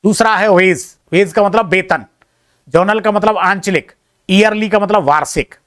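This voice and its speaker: Working a little slowly through exam questions, a teacher with a somewhat higher, slightly bright voice reads each option aloud and then gives his verdict. Between answers he slips in modest, chatty, self-deprecating asides to his students. The recording is dry and close, with almost no room in it.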